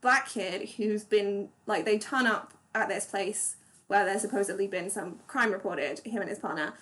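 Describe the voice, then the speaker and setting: A woman co-hosting a podcast in casual chat, talking fast and loose with many fillers and restarts. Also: medium pitch, a bit bright. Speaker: podcast co-host.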